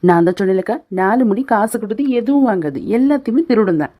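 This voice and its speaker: A woman putting on a lower voice for a nosy, suspicious village woman in a cartoon. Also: lively intonation, mellow, natural voice. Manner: quick, nosy gossip. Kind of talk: cartoon dubbing.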